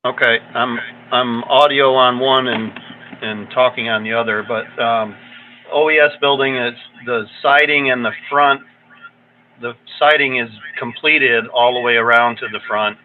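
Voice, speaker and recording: Man, conference call phone line, tinny, faint hiss, flat even delivery, contractor update, frequent ums. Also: mid-range voice, unhurried. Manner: plain, steady report with frequent ums. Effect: heard over a conference call phone line. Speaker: building contractor giving a project update. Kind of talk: meeting update.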